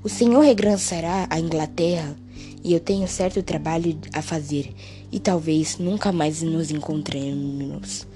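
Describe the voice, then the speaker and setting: A woman voicing a sinister old male vampire count who speaks slowly and with polite menace in a storybook reading. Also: low-pitched, music in the background. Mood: calm menace.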